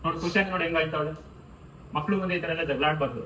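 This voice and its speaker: A man in a heated family argument at home who keeps trying to calm everyone down. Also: a little high, very fast, distant mic. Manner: placating, keeps urging calm. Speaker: family member in prank. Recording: roomy, off-mic, faint noise.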